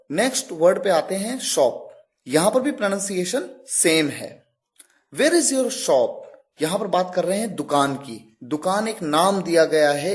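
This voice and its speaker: A man's voice: sits high, a little mellow. A man teaching English grammar to learners, patiently explaining each word step by step with examples and questions to the listener.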